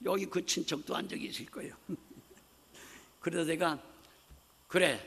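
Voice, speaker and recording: An older man preaching a sermon as pastor, telling stories with lively acted-out voices and frequent asides to the congregation. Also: a little high, takes it slowly, vocal fry, husky. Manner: animated storytelling, acts out quoted voices, frequent "네?" asides. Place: church sanctuary. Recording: long hall reverb.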